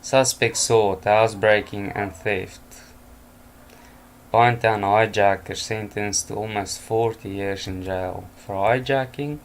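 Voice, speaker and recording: The voice is male, on the low side, steady in tone and slow, with a little hiss or hum in the recording. A tired news commentator, yawning, reads headlines at night from home and throws in casual comments and chuckles.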